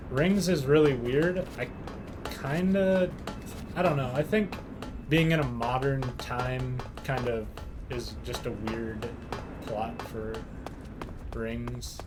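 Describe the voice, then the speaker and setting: A man's voice: medium pitch, background noise. A young man chatting casually while playing a video game, rambling and laughing often. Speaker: let's play co-host. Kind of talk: casual gaming chat. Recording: game music behind. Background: game music.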